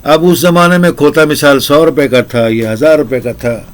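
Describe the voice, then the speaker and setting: A man's voice: on the high side, steady tone. A man telling a folk tale in a casual spoken style, rambling into commentary with long, repetitive lists. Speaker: storyteller.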